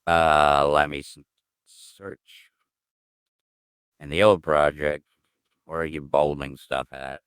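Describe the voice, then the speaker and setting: A man with an extremely deep, smooth and resonant voice talks himself through a coding session in a casual way. He mutters, hums and trails off as he thinks aloud. The recording is dry and close, with no room echo. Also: fairly even intonation, takes it slowly, pauses often, fairly bright tone. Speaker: programmer streaming his coding work.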